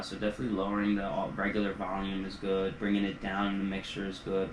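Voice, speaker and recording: A man's voice: low voice, a bit bright, a little hiss or hum. A man walking through his music production, casual and laid-back, thinking aloud as he works. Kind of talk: casual studio walkthrough. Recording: roomy sound with music playing. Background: music tracks playing.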